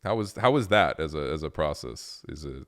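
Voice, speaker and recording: A man with a very deep voice hosts a casual podcast chat. His pitch rises and falls freely as he talks. He sounds laid-back and swears without a second thought. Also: expressive, fairly quick. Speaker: podcast host.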